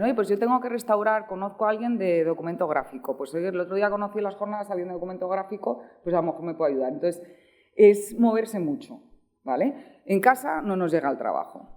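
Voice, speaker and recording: A woman's voice: lowish voice, warm tone. Woman lecturer, easygoing talk style that keeps checking the room. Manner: conversational, frequent checking "¿vale?". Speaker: guest lecturer. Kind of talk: lecture with audience Q&A.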